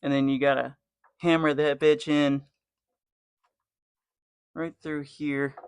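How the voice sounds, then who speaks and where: A young man talks his way through a rear axle job in his garage, swearing freely and grumbling as he goes. His voice sits a little higher than most men's, and he speaks slowly. The sound is dry and close, with little room echo. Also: flat delivery, clear, resonant tone. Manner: swears freely, muttering and complaining while wrenching. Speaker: garage channel host. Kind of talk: casual workshop narration while working. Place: home garage.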